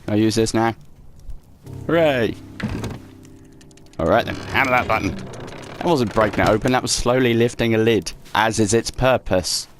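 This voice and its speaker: A young man with a fairly low voice talks at normal speed but leaves long pauses as he hosts a let's play of a horror game. His commentary is casual and sarcastic, with swearing, and he reads in-game notes aloud. Faint game music sits in the background.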